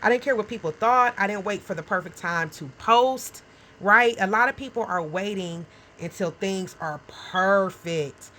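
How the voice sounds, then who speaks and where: A woman's voice: mid-range voice, measured pace, sharp tone, a little hiss or hum, poor audio. A woman in her forties talking casually to camera as a small business owner, frank and encouraging, often checking in with "okay?" and "right?". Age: 40s. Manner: frank and encouraging, talks straight to the viewer.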